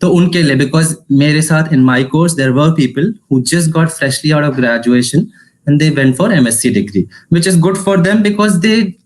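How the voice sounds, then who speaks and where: A man in his twenties with an Indian accent gives an informal online talk as an alumnus. He speaks quickly, slips Hindi phrases into his English and often restarts his sentences. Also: on the high side, darkish tone, rough recording. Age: 20s. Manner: fast talker, mixes Hindi into English, frequent restarts. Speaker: alumnus giving a career talk. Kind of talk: informal online info session.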